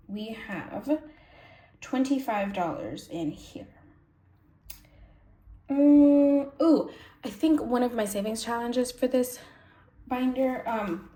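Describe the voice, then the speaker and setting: A woman with a slightly high, dark-toned voice hosts a budgeting vlog, sounding congested and sniffly. She casually walks through cash stuffing, correcting herself as she thinks out loud, in an echoey room with faint noise.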